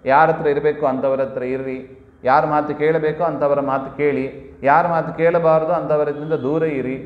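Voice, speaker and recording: A man giving a devotional discourse, often asking his listeners questions and answering them himself, and now and then chanting Sanskrit verse. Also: fairly high pitch. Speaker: religious discourse speaker. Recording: echoey hall, dull lo-fi sound.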